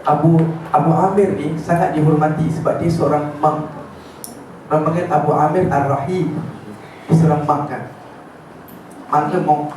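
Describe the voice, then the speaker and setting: A man giving a lively storytelling lecture on religious history and mixing in English words. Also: on the high side, moderate pace, long pauses, noisy background. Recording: echoey room from far off.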